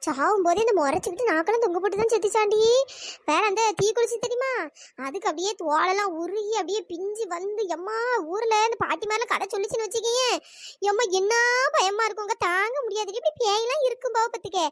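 Very high, fast, scolding cartoon voice. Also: female voice, dry recording. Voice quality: pitch-shifted high voice. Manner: scolding, bossy village elder sister. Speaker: cartoon voice performer.

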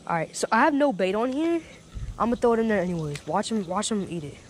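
A man's voice: sits high, very animated, quick pace. A young man casually narrating a fishing vlog by a pond, chatty and laid-back, often saying dude and bro. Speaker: fishing vlogger. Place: outdoors by a small pond. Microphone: head-mounted action camera. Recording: outdoor camera mic with wind and ambient noise.

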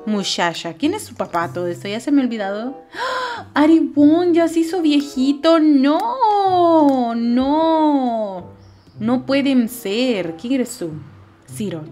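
Woman gamer, casual running commentary, talks to her sims, light music bed. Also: medium pitch. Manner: chatty, talks to her game characters. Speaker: gaming YouTuber. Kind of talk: casual Let's Play commentary. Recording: game music behind.

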